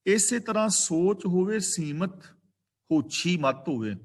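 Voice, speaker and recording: A man in a slightly high voice teaches a scripture class. He explains each verse in a steady, measured way and slows down to recite the lines and to show how they are pronounced. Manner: explains pronunciation of scripture carefully. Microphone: online video meeting.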